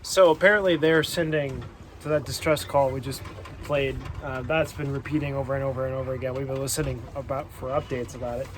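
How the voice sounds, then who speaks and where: A man's voice: mid-range voice, steady tone, a little fast. A man narrating casually for a sailing vlog, recorded outdoors on a boat under way. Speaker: sailing vlogger. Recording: loud boat and water noise.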